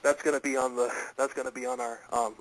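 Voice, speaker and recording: A man hosting a casual radio interview, talking in halting, stammering restarts. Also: mid-range voice, level tone, very noisy. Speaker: radio show host.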